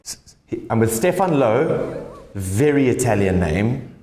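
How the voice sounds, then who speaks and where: A man's voice: very animated, slow pace, dark tone. A playful man hosting a comedic cooking segment, his voice leaping all over the place as he jokes and squeals. He sounds like he's in an echoey hall with a long reverb tail. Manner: playful, jokey, bursts into high squeals and laughter. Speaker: host. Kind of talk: comedic cooking show banter.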